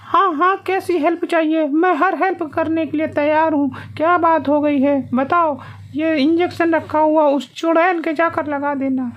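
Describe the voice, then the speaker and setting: Barbie, a sweet high doll voiced by a woman. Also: steady tone, normal speed, close to an everyday voice. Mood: eager. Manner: eager, sweet, reassuring. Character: kind helpful doll lady, eager to assist. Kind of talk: toy play voice acting for children. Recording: muffled lo-fi recording.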